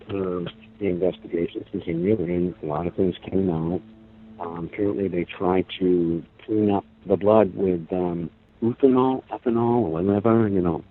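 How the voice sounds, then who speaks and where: Faint music and slight background noise sit behind an older man's deep voice on a tinny phone line. Chatting in a casual interview, he tells his story in a rambling, emphatic manner full of fillers.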